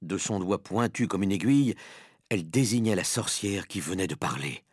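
A man narrating a dark storybook with expressive delivery. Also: low voice, moderate pace, slightly rough, dry recording, clean studio sound. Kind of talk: audiobook narration.

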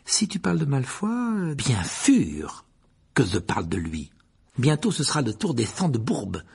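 A man's voice: medium pitch, huge pitch swings, measured pace, gravelly, darkish tone, husky, heavily acted. A man voicing a hot-headed, sarcastic schoolboy who sulks and snaps. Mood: defiant. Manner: sulky, sarcastic.

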